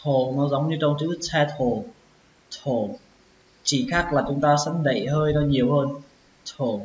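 Man, English pronunciation teacher, fairly high voice, slow repeated words, echoey dull recording with faint hiss. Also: steady tone. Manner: slow, drawn-out repetition of words. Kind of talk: pronunciation lesson.

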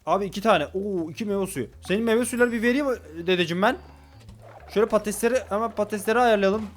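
A man giving hurried, excitable commentary while playing a restaurant game, talking to customers on screen. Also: sits high, faint music behind. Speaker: gaming YouTuber. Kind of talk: casual gameplay commentary.

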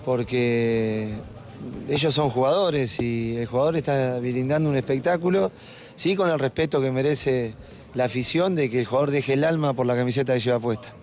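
A man speaks earnestly and in measured phrases about football as an interview guest. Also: mid-range voice, darkish tone. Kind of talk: reflective interview answer.

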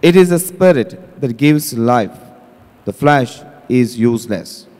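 Indian priest with cathedral echo. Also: male voice, medium pitch, animated, darkish tone. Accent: Indian English. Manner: slow, measured, deliberate delivery. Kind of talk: liturgical gospel reading and homily. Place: large church. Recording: long echoing church reverb.

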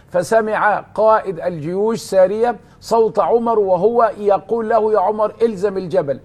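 A man's voice: high voice, darkish tone. A man with an Egyptian Arabic accent, a religious scholar telling stories on a TV studio talk show, asking rhetorical questions and answering them himself with fervour. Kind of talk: televised religious storytelling talk.

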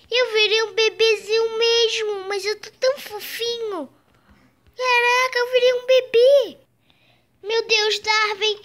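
A young man voicing Gumball, a mischievous cartoon boy who has turned into a baby, in an excitable, exclaiming Minecraft role-play. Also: very high-pitched, heavily acted.

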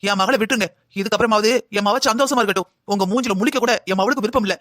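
In a cartoon drama, a man voices a stern, grieving father who reproaches his son-in-law in a reproachful, accusing manner. The voice is high, very fast, and fairly bright, recorded at studio quality with no echo.

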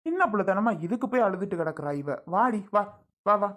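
A man playing an easygoing, kindly village husband in a casual family skit, gently coaxing his wife out of crying. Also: sits high, lively intonation, a little fast.

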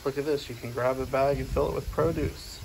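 A man in his thirties talks fairly quickly while vlogging himself outdoors at a farm nursery, phone held at arm's length. His mid-range voice sounds creaky and a little mellow, with fairly even intonation. The recording is low in quality, with faint outdoor noise behind him.

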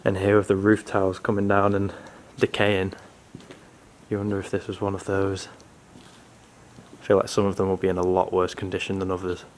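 A man giving casual, low-key commentary while walking through a large abandoned shopping centre, thinking aloud with pauses. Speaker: urban explorer. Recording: steady background noise.

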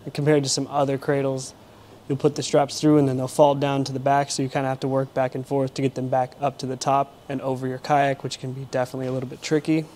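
A fast-talking young man in his twenties speaks in a monotone, medium-pitched, darkish voice, with slight background noise. He's the installer and presenter in a casual product demo, explaining a kayak carrier install step by step around a vehicle in an indoor garage.

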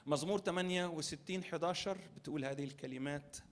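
Egyptian guy preaching a sermon, kinda high voice, repeats stuff for emphasis, keeps asking the crowd questions. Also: fast. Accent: Egyptian Arabic. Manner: emphatic, repeats key phrases, asks the congregation rhetorical questions. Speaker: pastor. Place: church conference.

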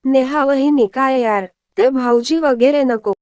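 A cheeky young man who teases his sisters-in-law and bristles fast, read by a woman storyteller. The voice sits high and sounds smooth and dry. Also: a little mellow, dry recording. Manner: teasing, quick to flare up.

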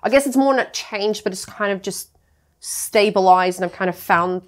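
A woman's voice: mid-range voice, normal speed. A woman from Latvia, a guest in a podcast studio, chatting casually with many fillers and restarts and frequent laughs. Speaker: guest, freelance graphic designer. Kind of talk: casual interview chat.

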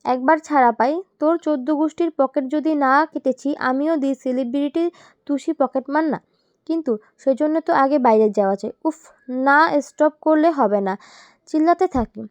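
A woman voicing a whiny young female pickpocket in a storybook reading, pleading loudly in broken English. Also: high voice, lively intonation, slow, no room sound. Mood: grumbling. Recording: dull lo-fi, dry.

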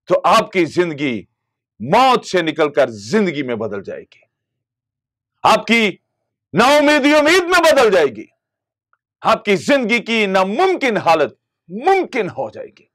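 A middle-aged Pakistani pastor preaches a televised sermon in a studio, his high-pitched voice fairly bright in tone. The lapel mic catches impassioned emphasis that ebbs and surges, and he never stops gesturing with both hands.

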